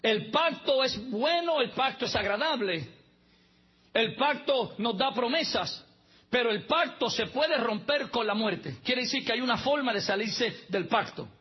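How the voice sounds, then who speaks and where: High-voiced husky male preacher. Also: animated, a little slow, dull audio. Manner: humorous asides, spells out words letter by letter. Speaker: pastor. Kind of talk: sermon.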